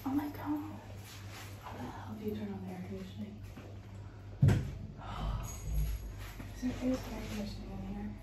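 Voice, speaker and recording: A young woman vlogging her trip from a hostel and a beach, chatty and excitable, swearing casually and sometimes dropping to a hushed whisper. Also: medium pitch, fast talker, very noisy. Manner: often drops to a hushed whisper in shared rooms. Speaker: travel vlogger. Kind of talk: casual travel vlog.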